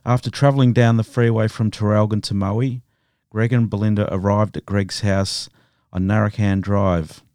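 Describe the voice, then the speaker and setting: A man hosting a podcast, narrating a true crime story in a steady, measured way. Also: fairly low pitch, clean tone, dry recording, studio quality. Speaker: podcast host.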